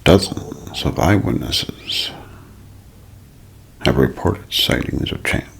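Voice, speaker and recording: A bass-voiced man gives an animated, scripted ASMR mystery narration full of drama, his tone fairly bright. The voice is gravelly and husky, often sinking to near a whisper, and his phrasing is that of a deliberate storyteller.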